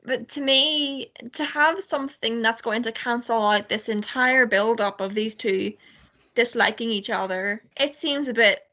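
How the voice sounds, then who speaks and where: A woman's voice: on the high side, a little slow, sharp tone. A woman co-hosting a radio film show, criticising a film in a casual, exasperated way.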